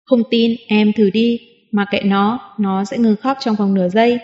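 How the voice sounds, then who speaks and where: A woman's voice: medium pitch, steady tone, moderate pace, natural voice. Woman reading a teasing playful young man. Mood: conspiratorial. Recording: dull lo-fi audio with long reverb.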